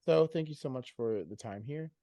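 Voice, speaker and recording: A man co-hosting a casual sports podcast, talking in an animated, rambling way and often cutting himself off. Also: medium pitch, moderate pace, no echo, clean studio sound. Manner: animated, rambling, self-interrupting. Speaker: podcast co-host.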